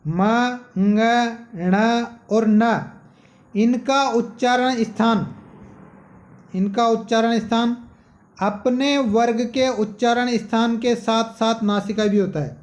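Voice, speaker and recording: Male teacher, slow, patient classroom delivery, high-pitched, drills sounds one by one. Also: steady tone. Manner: slow, repeats and dictates syllables one by one; asks questions then answers them himself. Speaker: Sanskrit teacher. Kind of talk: classroom grammar lesson.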